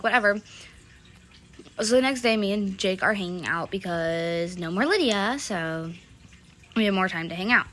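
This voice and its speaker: A woman's voice: mid-range voice, bright, forceful tone. A young woman telling a casual storytime, rambling with lots of fillers and loosely quoting the others. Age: young adult.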